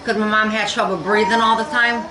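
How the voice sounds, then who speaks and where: A woman talking in a halting, tearful way and repeating herself, near tears, in a home vlog. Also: medium pitch, fairly even intonation. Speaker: vlogger. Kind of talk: emotional personal vlog. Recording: echoey room with faint noise.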